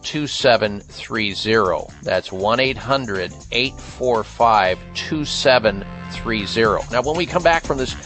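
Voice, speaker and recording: A man's voice: lowish voice, slow, fairly bright tone, soft background music. An American man hosting a radio health call-in show in a talk radio style.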